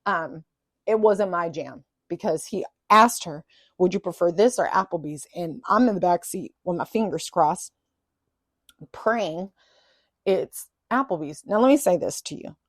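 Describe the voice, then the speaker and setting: A woman with a somewhat low voice tells a personal story in a relaxed vlog, speaking a little slowly. She is chatty and animated, with playful asides teasing herself. The recording is close and dry, with no room echo.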